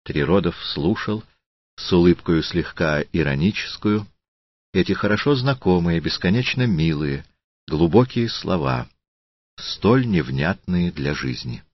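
A man reading a literary audiobook in a slow, deliberate, solemn manner. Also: deep voice, animated, no room sound, highs cut off. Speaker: audiobook narrator.

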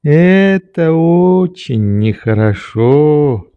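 A man voicing a slow, prim old doctor. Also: a little high, expressive, dry recording, dull audio, pitched above the performer's own voice. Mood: mild reproach. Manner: slow, measured, gently reproving. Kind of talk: audiobook character reading.

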